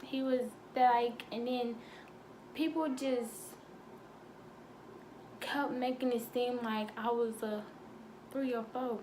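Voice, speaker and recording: A young woman telling a painful personal story, halting with many fillers and fighting back tears. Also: on the high side, steady tone, mellow, slight background noise. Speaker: vlogger.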